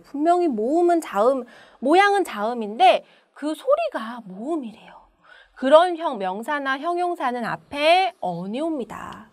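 Lively high-voiced woman teacher. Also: no echo. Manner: patient, explains step by step, asks and answers her own questions. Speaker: English grammar teacher. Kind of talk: online grammar lesson.

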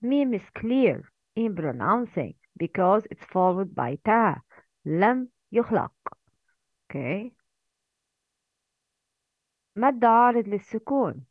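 A woman teaching Quran recitation rules, speaking slowly and repeating each sound for her students. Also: medium pitch, big pitch swings, dry recording. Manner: slow, deliberate, repeats sounds for learners. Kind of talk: slow language lesson. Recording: dry, tinny phone-like sound.

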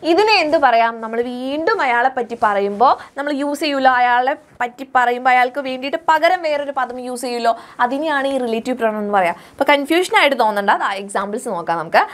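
High-voiced woman teaching English. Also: lively intonation, a bit bright. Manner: explains step by step with repeated questions to pupils; reads English examples slowly and sounds them out. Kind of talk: online class lesson.

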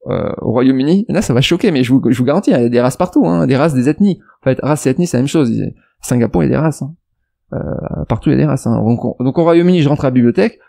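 A man's voice: medium pitch, creaky, dark tone. A man from France giving a rambling, digressive video reply to a viewer's comment, with many restarts and fillers and arguing straight at the viewer. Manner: addresses the viewer directly and argues a point. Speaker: investment YouTuber.

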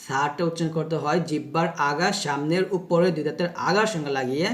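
A man teaching how to pronounce Arabic letters, explaining slowly, repeating himself and sounding out each letter to demonstrate. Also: on the high side, a bit bright. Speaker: Quran recitation teacher.

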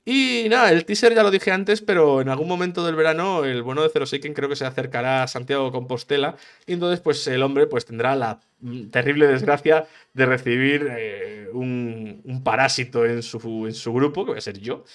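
A man's voice: medium pitch, moderate pace, clear, resonant tone. A man hosting a casual solo podcast, rambling and chatty, with frequent restarts and swearing. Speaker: podcast host, gaming streamer.

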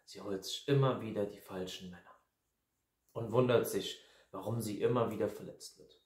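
A man's voice: fairly low pitch, fairly even intonation, moderate pace, a little mellow. A man in his twenties, a life coach talking casually to camera in an emphatic, repetitive ranting manner. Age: 20s. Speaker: life coach and video host. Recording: echoey room.

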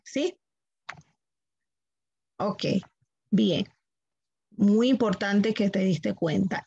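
A woman's voice: mid-range voice, a little mellow, no room sound, dull audio. A woman teaching a computer class online, walking students through steps patiently, repeating them and checking that they follow.

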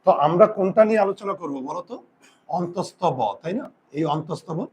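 A male teacher with a fairly high voice leads a classroom grammar lesson. He puts questions to his students and answers them himself. He slows right down to dictate each rule for them to write down. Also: darkish tone, a little hiss or hum. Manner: slow deliberate dictation of rules.

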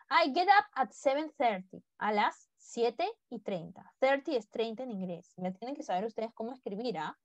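A woman's voice: on the high side, no echo. A woman teaching English to a class online, speaking mostly Spanish and coaxing her students to repeat words after her. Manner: coaxing, drills pronunciation by repeating.

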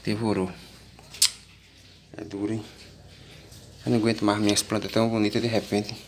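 A man's voice: lowish voice, little pitch movement, moderate pace, darkish tone, slight background noise. A man with a Northeastern Brazilian accent, chatting casually to viewers about his garden in a folksy, plain-spoken way. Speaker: vlogger. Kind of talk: casual plant vlog.

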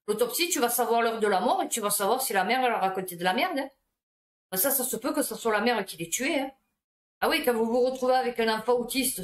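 Chatty woman in an echoey room. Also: on the high side. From Marseille. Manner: chatty, slangy, reacts aloud while reading. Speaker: host reading local news. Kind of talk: casual commentary on news items.

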